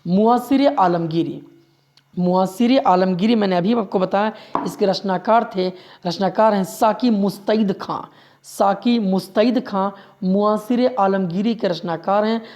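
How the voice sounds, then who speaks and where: A man's voice: sits high, unhurried, darkish tone. Man drilling history facts for exams. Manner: drills facts by repeating them; keeps urging listeners to remember. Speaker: history teacher. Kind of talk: exam-prep lecture.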